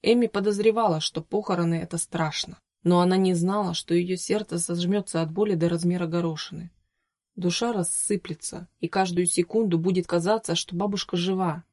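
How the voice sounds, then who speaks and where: A woman reads a story aloud in a soft, measured way. Her voice sits a little low and sounds mellow and warm. The recording is dry and close, with no room sound. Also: no echo. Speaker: audiobook narrator. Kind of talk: scripted narration.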